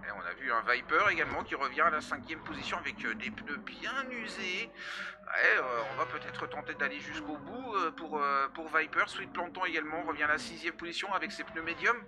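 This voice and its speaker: A man doing live motorsport commentary on a sim race, with clear noise behind him. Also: on the high side, expressive, brisk. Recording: clearly noisy background.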